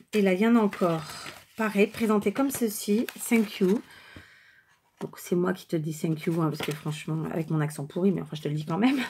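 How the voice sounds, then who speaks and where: A woman vlogger chatting casually and hesitantly while showing craft cards, often pausing and correcting herself. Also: on the low side, darkish tone, a little hiss or hum. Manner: chatty, rambling, many hesitations and self-corrections. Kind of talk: casual unscripted show-and-tell.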